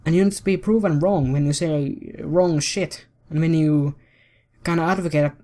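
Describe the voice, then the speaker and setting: A man's voice: a little high, fairly even intonation, moderate pace, mellow. Heated, swearing male commentator. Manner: profane, heated, rambling. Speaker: commentary video host. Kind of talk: ranting commentary.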